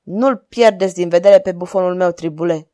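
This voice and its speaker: A woman voicing a cold, cruel male king who gives orders in a commanding, measured way. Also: fairly low pitch, dark tone, dry recording, clean studio sound, natural voice.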